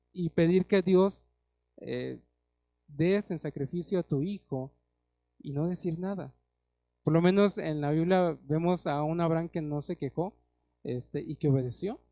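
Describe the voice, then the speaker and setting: Young Mexican male preacher, earnest sermon delivery, a little high-pitched, dry sound. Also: dry recording. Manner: earnest, addresses the congregation as brothers, rises loud on scripture quotes.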